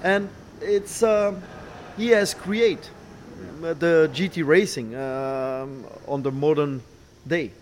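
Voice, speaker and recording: Halting middle-aged man, non-native English speaker. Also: fairly high pitch. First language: not English. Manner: halting, searching for words, repeats phrases. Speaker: racing team boss, former driver. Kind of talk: interview answers. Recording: clear background noise, ambient sound.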